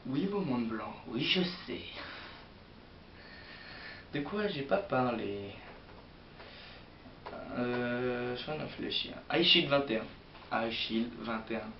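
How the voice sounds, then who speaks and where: A young male manga vlogger chats casually to camera about manga in an expressive, mid-range voice at a slow pace, hesitating and rambling with lots of fillers. The built-in mic of an old computer gives a roomy, distant, dull lo-fi sound with faint hiss.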